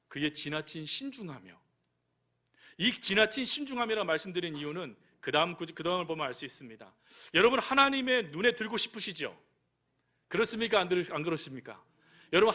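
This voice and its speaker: A male pastor delivers a sermon in a high, bright voice. His pitch swings widely as he questions the congregation and acts out voices from the story.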